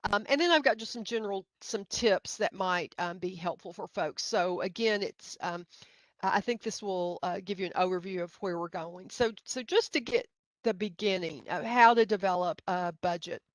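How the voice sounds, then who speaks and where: A woman's voice: mid-range voice, normal speed, no room sound. Middle-aged Tennessee woman presenting, dry close sound. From Middle Tennessee, United States. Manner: hesitant, self-deprecating, folksy. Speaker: university grant budget specialist, presenter. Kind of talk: informal training presentation.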